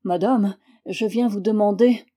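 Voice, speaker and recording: A woman's voice: medium pitch, unhurried, dark tone, natural voice. Woman reading an earnest awkward young man.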